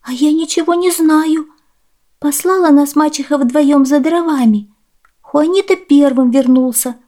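A woman voicing a timid, obedient little peasant girl with a high, pleading voice. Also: unhurried, dark tone.

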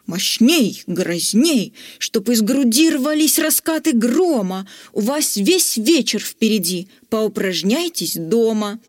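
A woman's voice: a little high, big pitch swings, slow, hardly any pauses, dry recording, clean studio sound, exaggerated voice. A woman doing a bossy dragon-school teacher. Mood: commanding. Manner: bossy, drilling instructions. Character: strict female dragon-school teacher, commanding.

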